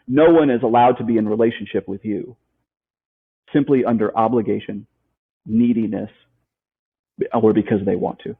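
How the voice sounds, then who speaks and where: A man's voice: fairly low pitch, moderate pace, pauses often, husky. A man speaking as a life coach guest in an interview, emphatic and motivational, repeating his key points and asking rhetorical questions. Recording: tinny phone-like line.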